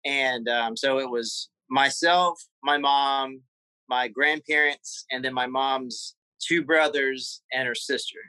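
A man with a Southern US accent, a guest in a personal interview, talking haltingly with many fillers and repeated words. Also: mid-range voice, steady tone, bright, forceful tone, clean tone, dry recording, poor audio. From South Carolina.

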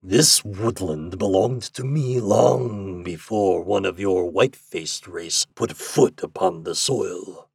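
A man doing a growling, hoarse forest devil. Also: sits low, no echo, heavily acted. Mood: gruff menace. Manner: slow, deliberate, brooding. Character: gruff sooty forest devil, male, menacing.

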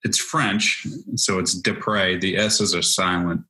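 A man's voice: low-pitched, level tone, slow pace, sharp tone, low-quality recording. A man in his forties from New Hampshire, a guest telling his story in a casual interview with many fillers and restarts. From New Hampshire, USA. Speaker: guest, Army veteran.

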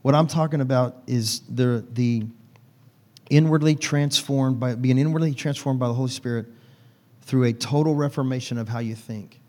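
A pastor gives a conversational sermon in church, chatting with his congregation and teasing members by name in a folksy way. His voice is medium-pitched and mellow, at a moderate pace.

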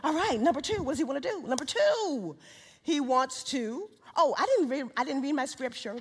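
A woman in her sixties or older preaching a sermon, speaking to a live congregation and swinging from quiet lines to shouted highs. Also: sing-song, moderate pace. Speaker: guest speaker, minister. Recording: reverberant hall.

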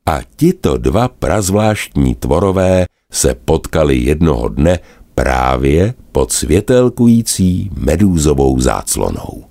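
A man narrating a fairy tale in a lively, expressive way. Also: rumbling low, vocal fry, no room sound, studio quality. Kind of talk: storybook narration.

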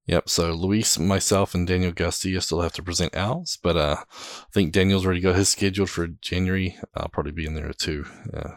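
A man hosting a tech podcast, leading segments in a relaxed, upbeat casual chat. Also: sits low, brisk, hardly any pauses, dry recording, studio quality. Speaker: podcast host.

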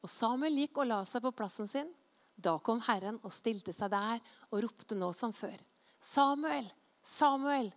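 A woman preacher giving a sermon, telling an anecdote and reading scripture aloud in a lively storytelling manner, acting out quoted voices. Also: a little high, long reverb tail.

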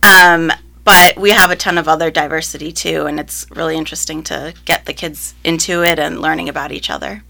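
A young first grade teacher, raised speaking both Spanish and English with Spanish as a first language, answers interview questions casually and upbeat, full of ums and likes. Her voice is low, fairly quick and creaky, with fairly even intonation and a bright, forceful tone.

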